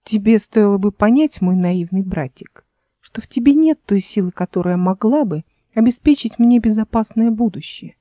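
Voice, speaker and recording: A woman's voice: medium pitch, moderate pace, warm tone, no room sound, natural voice. A woman voicing a scornful, scheming immortal young woman in a fantasy audiobook, in a mocking tone.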